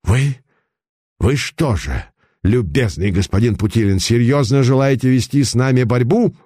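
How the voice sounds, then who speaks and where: A man's voice: medium pitch, moderate pace, mellow, husky, no room sound, lightly acted. A man voicing a hot-tempered political conspirator, blustering and agitated, in a dry recording. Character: hot-tempered male conspirator, emigre plotter.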